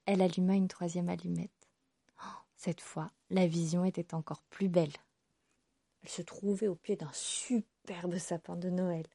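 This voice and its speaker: A woman reading a fairy tale aloud as the storyteller, with expressive storybook narration. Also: fairly low pitch, moderate pace, creaky, husky, dry recording, clean studio sound.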